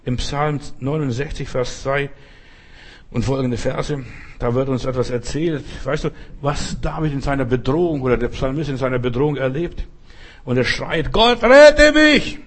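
Man, middle-aged, from the former Soviet Union, preacher, sermon, husky voice, speaks straight to the listener, dramatic shouted outbursts. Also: medium pitch, steady tone, normal speed. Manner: dramatic, shouting out quoted cries for help; talks straight to the listener with repeated "verstehst du".

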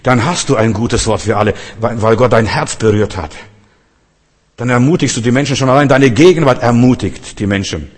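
A man with a mid-range, slightly rough voice preaches a sermon at a fairly quick pace, earnest and repeating phrases as he speaks straight to his listeners. The long reverb of a church hall surrounds him.

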